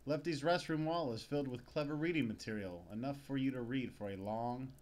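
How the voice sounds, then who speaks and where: A man plays through a video game in a sweary, sardonic, casual style, reading on-screen text aloud as a let's player. His medium-pitched voice is fairly quick and a little mellow, over video game music.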